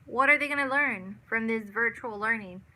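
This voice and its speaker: A woman's voice: a little high, moderate pace, pushed and bright, low-quality recording. A woman in her thirties hosting a casual live chat, answering viewers and repeating herself with lots of "you know" and "like". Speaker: livestream host.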